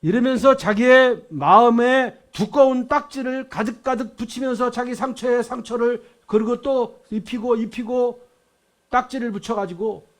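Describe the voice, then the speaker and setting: A man's voice: very high voice, moderate pace. An older man, an emeritus pastor, preaching a sermon in a dramatic, emphatic way.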